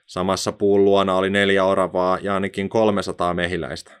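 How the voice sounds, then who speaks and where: Deep-voiced man reading a children's story. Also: clean tone. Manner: expressive, playful storytelling.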